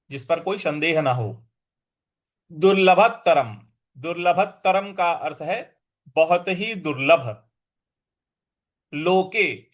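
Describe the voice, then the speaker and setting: A man teaching a scripture lesson, reciting verses in a slow chant and explaining each word with careful repetition. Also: fairly high pitch, a bit bright. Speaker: Gita teacher.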